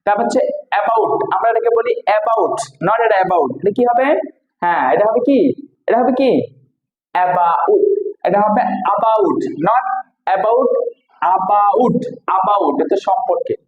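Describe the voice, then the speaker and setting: A man from Bangladesh giving a spoken pronunciation lesson, repeating words slowly and quizzing his viewers. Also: high voice. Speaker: English teacher. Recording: roomy, dull lo-fi sound.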